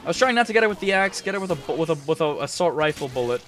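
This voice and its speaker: Soft background music plays as a young man talks very fast in a slightly high, bright voice with lively intonation. He commentates a shooter game from a small room at home, rambling and cursing while chatting with viewers over his desk mic.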